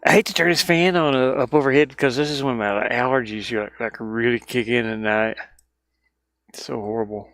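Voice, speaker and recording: Inside a van, a man who streams live and develops indie games rambles and mutters while thinking aloud at work in casual solo chat. His mid-range voice is fairly bright and a little fast, with clean studio sound and no echo.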